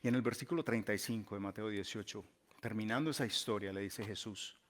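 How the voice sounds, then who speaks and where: A pastor preaching a sermon. He tells the story emphatically, slows down on key words and lets the ends of his phrases drop almost to a murmur. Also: fairly low pitch, a bit bright.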